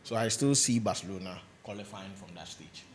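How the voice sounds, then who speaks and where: Fast-talking deep-voiced male pundit. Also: slight background noise. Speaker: panelist. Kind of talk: football punditry.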